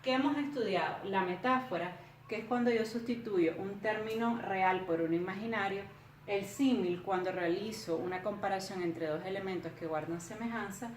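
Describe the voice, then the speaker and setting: A woman teacher giving a recorded tutorial lesson, explaining carefully and counting out syllables slowly. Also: medium pitch, a little hiss or hum. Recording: roomy, distant from the mic.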